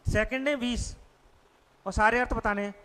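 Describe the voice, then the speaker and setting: A man's voice: extremely high pitch, steady tone, normal speed, pushed and bright, clean tone, big-room sound. A male teacher giving a classroom vocabulary lesson, quizzing students with repeated questions. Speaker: English teacher.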